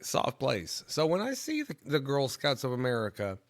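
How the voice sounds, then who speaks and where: A man's voice: medium pitch, wildly swooping pitch, normal speed, no room sound, clean studio sound. A man in his thirties hosting his own show, talking in a rambling, profane, emotional way with many restarts. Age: 30s. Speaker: show host. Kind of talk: casual solo monologue.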